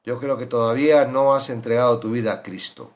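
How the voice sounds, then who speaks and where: A man teaching a Bible study, animated and acting out the voices of believers as he explains. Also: mid-range voice, a little fast.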